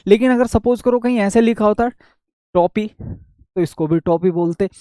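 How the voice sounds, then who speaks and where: A man's voice: high voice, moderate pace, dark tone, no room sound, studio quality. A young man teaching English spelling rules in an online class, asking and answering his own questions and repeating key points.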